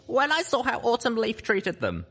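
Brief: man putting on a high, airy young pony girl, soft-spoken and earnest, lively pitch. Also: moderate pace, heavily acted.

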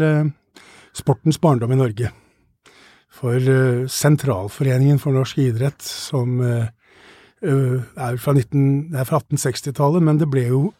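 Mellow husky guy, studio guest explaining old sports history, kinda halting, chatty. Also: medium pitch, no echo.

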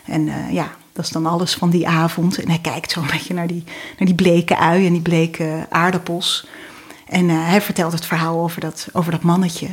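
A woman guest telling a fairy tale in a relaxed, hesitant way with many fillers. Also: lowish voice, normal speed. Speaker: guest storyteller.

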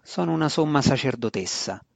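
A man reading an audiobook, voicing a stern, proud dark elf high priestess who speaks with cold, scornful authority. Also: animated, fairly quick, vocal fry, no room sound. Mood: commanding.

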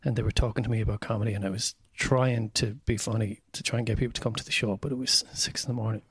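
A stand-up comedian from County Mayo in the west of Ireland, carrying that region's accent, chats casually as a guest and tells comic anecdotes in a wry, self-deprecating way. His voice is lowish, slightly rough, rapid-fire and fairly even in intonation, with no room sound.

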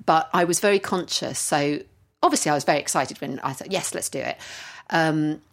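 Surrey mum type, low voice, chatty and keen, lots of ums. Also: female voice, brisk, gravelly. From Surrey, England. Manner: chatty, enthusiastic, many ums. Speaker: podcast co-host and singer. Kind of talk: casual chat.

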